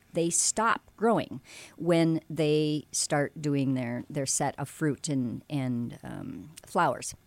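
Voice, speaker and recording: A woman from Alaska shares tomato-growing know-how in a low, grounded voice. She explains step by step, pausing on ums and correcting herself as she goes. The recording is dry, with no room sound. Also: no room sound. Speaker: gardening expert guest. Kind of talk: casual radio gardening advice.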